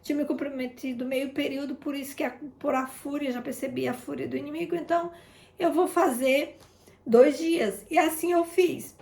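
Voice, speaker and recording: Woman telling her prayer testimony, talks right to her listeners, kinda raspy fry, echoey room. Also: sits high, fairly even intonation, normal speed, darkish tone. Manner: chatty, keeps addressing listeners, re-enacts conversations. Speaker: intercessor sharing a testimony. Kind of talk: informal testimony in a prayer broadcast. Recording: roomy echo.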